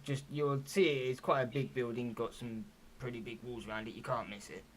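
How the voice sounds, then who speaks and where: A man's voice: medium pitch, steady tone, brisk, slight background noise. A man narrating as game master in a casual, rambling way.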